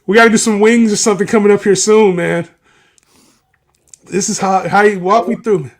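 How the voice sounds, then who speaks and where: A man's voice: high voice, steady tone, brisk. A man co-hosting a casual sports betting livestream, laughing often and teasing his partner. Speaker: livestream co-host.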